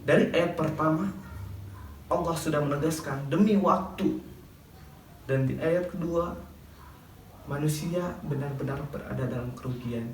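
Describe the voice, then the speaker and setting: A man's voice: on the high side, unhurried, long pauses, a little mellow. A man speaking as an Islamic preacher, giving didactic, sermon-like advice and addressing listeners as friends. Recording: echoey room, distant mic, faint noise.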